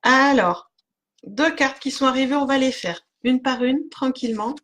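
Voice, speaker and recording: A woman's voice: sits high, moderate pace, a bit bright. A woman giving an oracle card reading on a live stream, chatting with viewers by name, with lots of fillers and little laughs.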